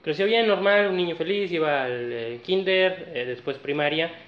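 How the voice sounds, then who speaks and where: A man's voice: a little high, moderate pace. Northern Mexican man telling a story. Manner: relaxed, slangy storytelling with many fillers. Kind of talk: casual storytelling chat. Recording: echoey room, slightly dull sound.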